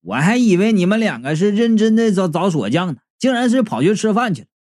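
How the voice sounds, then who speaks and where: A man narrating a comic story in the first person, animated and playful. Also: high-pitched, a little fast, no room sound, clean studio sound.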